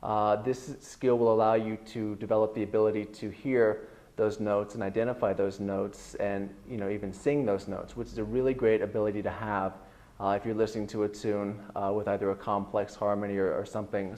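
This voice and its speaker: A guitar teacher with a bass-baritone voice talks fairly quickly through an online lesson. His explanations are relaxed and meandering, sprinkled with many fillers.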